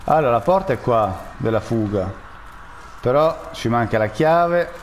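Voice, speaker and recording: A man narrates his horror game live, jumpy and quick to joke with his viewers. His voice sits in a middle register. A faint noise hums under the recording. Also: mid-range voice, animated. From Rome, Italy. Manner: jittery, jokey, talks to chat. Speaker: gaming streamer. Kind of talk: live gameplay commentary.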